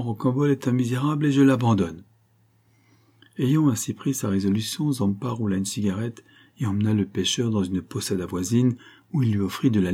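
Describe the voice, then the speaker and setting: A man narrating a classic novel as an audiobook reader, in a steady, even storytelling manner. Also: on the low side, slightly rough.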